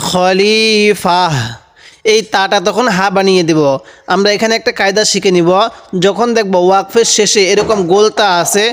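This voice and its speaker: A man teaching Quran reading, patiently spelling out each syllable and repeating words slowly, asking the viewer questions and answering them himself. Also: sits high, steady tone, fairly bright tone, in a large hall. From Bangladesh. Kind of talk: step-by-step spelling lesson.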